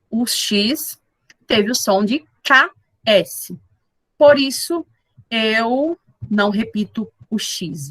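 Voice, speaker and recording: A woman teaching an English class online, with slow explanations, repeated model words and frequent checks with her students. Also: medium pitch, fairly bright tone, no echo, low-quality recording. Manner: checks in with the class often with tag questions.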